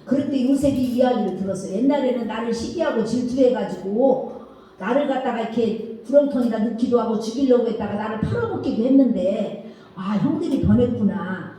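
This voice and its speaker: A woman with a fairly high, mellow voice tells a children's sermon as a story. She acts out the quoted lines with animation. She is heard from a distance in an echoey church hall. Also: a little fast, a little hiss or hum. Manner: animated retelling with acted quotes. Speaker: children's worship preacher.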